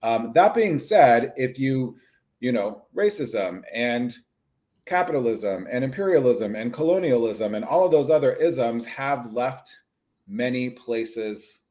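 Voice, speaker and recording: A male clinician and advocate in a casual live-stream chat, talking in a lively, rambling way with lots of asides. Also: on the low side. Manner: chatty, animated, lots of "like" asides.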